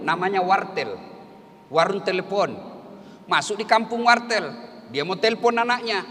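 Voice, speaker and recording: High bright-voiced preacher in a hall. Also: male voice. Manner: storytelling with jokes, rising to shouted exhortation. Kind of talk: humorous sermon. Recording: hall reverb, faint ambience.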